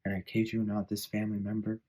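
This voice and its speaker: A man's voice: fairly low pitch, completely flat delivery, fast talker, warm tone, poor audio. A man giving a casual tarot reading, telling a dream in a rambling way full of fillers. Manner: rambling, filler-heavy storytelling. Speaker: tarot reader.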